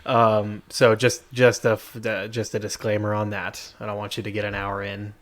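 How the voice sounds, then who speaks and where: Guy w a lowish voice podcasting in an empty echoey room, casual dry joking chat. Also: monotone, normal speed. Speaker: podcast co-host. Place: empty room with bare walls and a desk.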